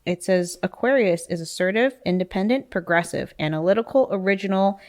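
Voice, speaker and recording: A woman's voice: mid-range voice, a little fast, a little mellow. A woman co-hosting a casual podcast, reading passages aloud from an astrology book and musing on them with lots of "um" and "like.". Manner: reads passages then muses on them, with many fillers like "um" and "like". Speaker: podcast co-host.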